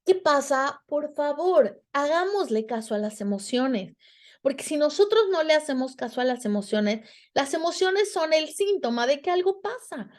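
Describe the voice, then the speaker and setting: A woman's voice: high-pitched, animated, moderate pace. A woman with a Mexican Spanish accent giving a reflective talk to students about emotions, speaking expressively and acting out quoted dialogue.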